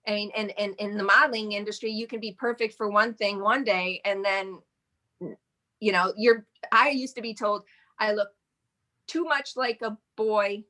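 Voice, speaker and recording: A woman in her forties from Michigan, who runs a modeling agency, talks as a casual interview guest, chatty and rambling with many laughs. Her mid-range voice has fairly even intonation, a moderate pace, and a bright, forceful tone.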